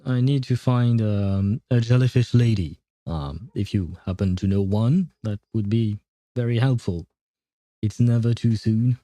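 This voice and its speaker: Very mellow, amused male game streamer. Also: fairly low pitch, a little slow, dry recording. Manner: amused, hesitant, rambling. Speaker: gaming streamer playing through a story. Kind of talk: casual game commentary.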